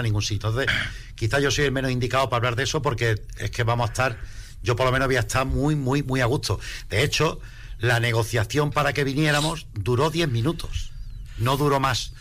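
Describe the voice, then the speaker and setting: A man, a rumba singer, chatting in a radio interview in an animated, emphatic way. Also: medium pitch, fast talker, slight background noise. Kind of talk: casual interview chat.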